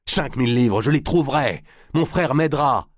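A man's voice: deep voice, sing-song, brisk, darkish tone, breathy edge, dry recording, clean studio sound, exaggerated voice. A man voicing a frightened, cornered archbishop who pleads in a raised, strained voice. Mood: desperate. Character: frantic cornered male archbishop.

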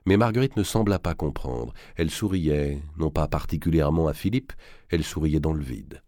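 A man narrating a historical novel as an expressive audiobook reader. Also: a bass voice, moderate pace, dry recording, clean studio sound. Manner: expressive storyteller, varied delivery.

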